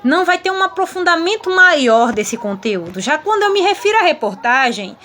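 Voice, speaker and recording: High-voiced Brazilian teacher giving a lesson. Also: female voice, big pitch swings, normal speed, pushed and bright. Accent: Brazilian Portuguese. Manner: affectionate, asks pupils' questions aloud herself. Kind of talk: online grammar lesson for sixth grade.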